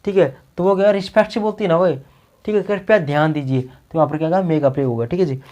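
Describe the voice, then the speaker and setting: A man's voice: high voice, racing, dark tone. A male teacher giving a classroom grammar lecture, peppering it with rhetorical questions and repeated "okay ji" check-ins.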